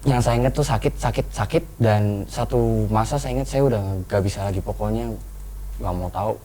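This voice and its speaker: Young male guest, mellow dark tone, reflective, restarts often, faint background hiss. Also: medium pitch, rough recording. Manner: earnest, reflective, halting with restarts. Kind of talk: personal storytelling in a talk show.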